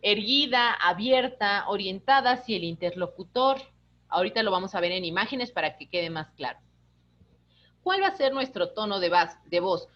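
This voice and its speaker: A woman, an instructor giving a lively online lecture, talking with her hands. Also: mid-range voice, moderate pace, muffled recording. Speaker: course instructor.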